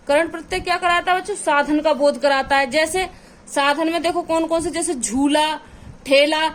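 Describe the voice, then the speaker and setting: A woman teaching a step-by-step exam-prep grammar lesson, repeating key points as she explains. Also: sits high.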